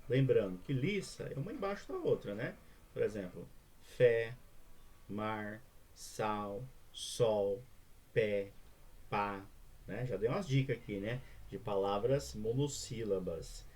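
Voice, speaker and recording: A man's voice: fairly low pitch, lively intonation, slow, a little mellow, slightly rough. A male teacher with a Brazilian Portuguese accent giving a recorded remote lesson, explaining step by step and often checking in with the students.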